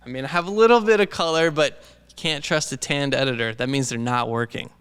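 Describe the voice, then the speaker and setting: Bright, clear-voiced man chatting in long reverb. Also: medium pitch, brisk. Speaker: podcast co-host; video editor. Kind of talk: casual chat. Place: indoors.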